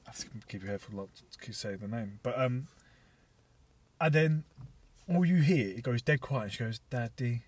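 A young man, a podcast co-host and new father, tells stories in lively, swearing casual chat full of laughter. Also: medium pitch, moderate pace, husky, no room sound, far from the mic. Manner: animated storyteller, swears, laughs.

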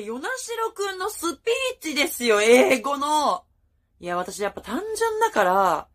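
A young woman chatting casually as a fan vlogger, gushing about idols with many fillers. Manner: chatty, gushing, lively rises in pitch. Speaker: idol fan YouTuber. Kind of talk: casual fan talk, reaction vlog.

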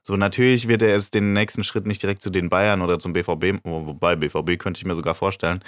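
Low-voiced man in casual football chat. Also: fairly even intonation, quick pace, no room sound, clean studio sound. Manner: opinionated, rambling, laughs often. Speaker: podcast co-host.

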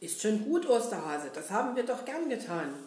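A woman voicing Kasper, a cheerful, brave male puppet hero who talks straight to the children in a lively, sing-song way. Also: a little high, normal speed. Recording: roomy echo.

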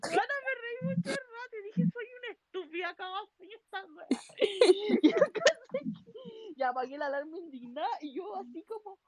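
A woman with a Chilean accent telling a story in a casual chat, animated and slangy. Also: extremely high pitch, normal speed, a crowd in the background, low-quality recording.

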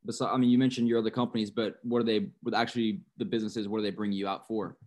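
A man's voice: lowish voice, flat delivery, a little mellow. A man hosting a casual interview, asking loose questions over a video call whose bad connection keeps cutting out. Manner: quick, loose questions with restarts. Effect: choppy bad video call connection, cutting out. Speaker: podcast host.

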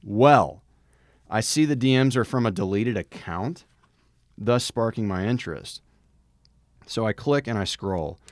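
A man co-hosting a podcast, reading a listener's story aloud with a wry tone and dramatic pauses before each section title. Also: lowish voice, lively intonation, no echo, clean studio sound. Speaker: podcast co-host.

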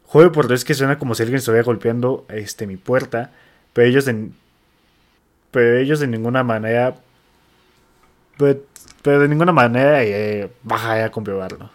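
A man's voice: mid-range voice, normal speed, long pauses. A man with a Mexican accent, reading posts aloud to a friend in casual chat with slangy asides and restarts. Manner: relaxed, slangy, reads with restarts.

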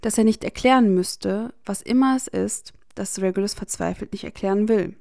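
A woman narrating a fan fiction as an audiobook reading, expressive and measured. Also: mid-range voice, vocal fry, no echo, studio quality.

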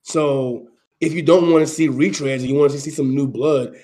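A man hosting a casual sports panel discussion, speaking haltingly with repeated and restarted phrases. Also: on the high side, fairly even intonation, mellow. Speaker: panel host.

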